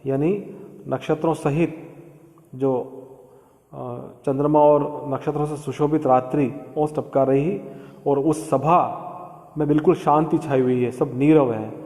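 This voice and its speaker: A man's voice: fairly high pitch, steady tone, unhurried, dark tone, in a large hall. A male literature lecturer explaining a poem to students, patiently paraphrasing each verse line in plain words.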